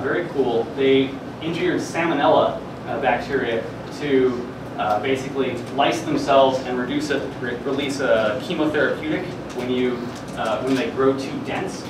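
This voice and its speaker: A young adult man gives an informal presentation on research news, hesitating often and filling pauses with filler words. A distant camera mic captures him indoors in a classroom or seminar room, where the sound echoes and an air conditioner rumbles.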